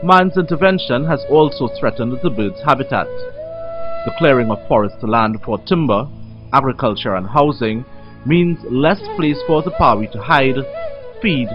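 A man's voice: medium pitch, expressive, normal speed, lo-fi sound. A man reading scripted narration for a nature documentary. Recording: dulled sound under prominent music. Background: music.

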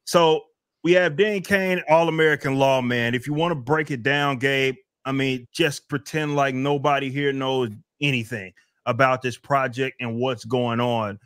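A man's voice: medium pitch, steady tone, moderate pace, fairly bright tone, clean tone, dry recording, studio quality. A man hosting a live stream, talking in a hyped, profane, casual way. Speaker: host. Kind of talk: casual chat.

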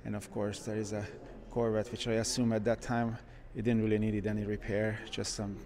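A man who runs a car shop, walking through a car museum and giving casual, enthusiastic commentary with frequent pauses. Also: on the low side, level tone, crowd noise. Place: indoor car museum halls.

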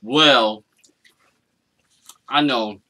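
Man, bright forceful voice, mid pitch, slangy casual chat, playful vlog host. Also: drawn-out words. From Arkansas, United States. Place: small indoor room at home.

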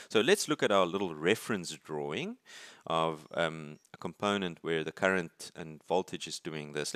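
A man's voice: low voice, a bit bright, no room sound, clean studio sound. A male university lecturer explaining circuit drawings at his desk. He thinks aloud, restarts words and keeps checking in with "right?". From South Africa. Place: at a desk, filming paper from above.

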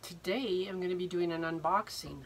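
An older woman in her sixties, slightly hoarse from a cold, talks haltingly and casually through an unboxing, thinking aloud as she goes. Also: lowish voice, steady tone. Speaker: art vlogger unboxing supplies. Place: indoor home art studio, wood-beamed. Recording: noisy room, clicks and rustling.

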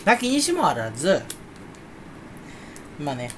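Rambling young man with lively pitch. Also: measured pace, a little hiss or hum. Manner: rambling, self-mocking, mimics others in a higher voice. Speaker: vlogger. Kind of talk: casual solo vlog chat. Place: room indoors.

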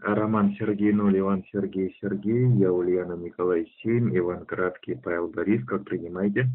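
A man with a husky voice working as an amateur radio operator, making a contact over radio. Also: low voice, fairly even intonation, moderate pace. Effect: radio transmission. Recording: narrowband, muffled radio sound.

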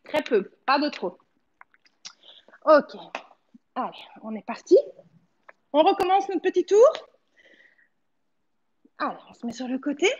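A woman's voice: sits high, big pitch swings, measured pace, long pauses, a little mellow, muffled recording. A woman in her thirties leading a home workout as a fitness coach, giving short encouraging cues and counting repetitions while she exercises. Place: living-room home studio, indoors.

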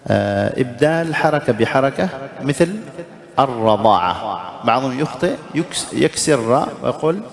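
Gravelly-voiced sheikh. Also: male voice, mid-range voice. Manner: explains errors, then chants examples slowly; quizzes the listeners with short questions. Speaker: sheikh teaching Quran recitation. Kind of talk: religious lesson.

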